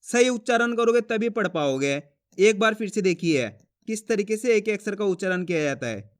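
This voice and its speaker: A man's voice: sits high, animated, normal speed. A man teaching a step-by-step online reading lesson, asking questions and answering them himself while he draws out each syllable.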